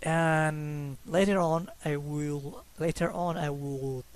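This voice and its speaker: This hobby artist, a young man from Mexico, speaks slowly in a slightly high voice with fairly even intonation. He talks about his drawings in English with a Mexican Spanish accent, casually and hesitantly, with many fillers and restarts, laughing a little as if self-conscious.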